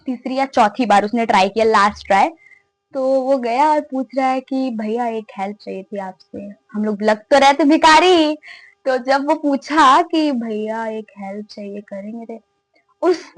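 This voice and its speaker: A woman's voice: sits high, normal speed, no room sound, poor audio. A young woman, casually telling a funny story and acting out her friends' lines. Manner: animated, laughing, acts out friends' lines. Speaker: vlogger.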